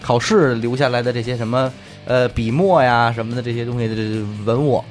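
A man's voice: mid-range voice, fairly even intonation, a little fast, faint music behind. A man with a Beijing accent telling stories casually and comically, slangy and teasing, often asking rhetorical questions. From Beijing, China. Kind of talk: casual comic storytelling among friends.

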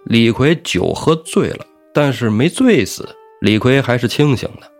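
A man hosting a storytelling show, narrating in a lively, colloquial way with asides to the listener. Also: medium pitch, normal speed, soft background music. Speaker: storyteller host.

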